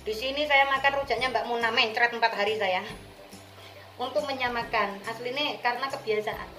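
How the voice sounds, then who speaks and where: Speaking a little fast with a slightly high, steady, bright and forceful voice, this returned migrant worker turned vlogger talks colloquially and directly to her audience in slang. She is from Indonesia and has an East Javanese accent. Music sits behind her in a room with noticeable echo.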